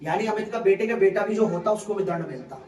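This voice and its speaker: A man preaching with an emphatic, high voice, drawing replies from his listeners. He sounds set back from the mic in an echoey hall. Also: fast talker, a little mellow. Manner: emphatic, calls for responses from the congregation. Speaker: pastor. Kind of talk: sermon. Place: prayer meeting hall. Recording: echoey room, voice from far off.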